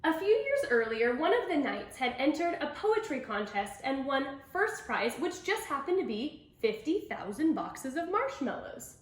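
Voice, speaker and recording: This storybook reader has a high, sing-song voice and moves at a moderate pace with hardly any pauses. She reads a picture book to children with expression and emphasis, adding asides for the little ones, and the room echoes.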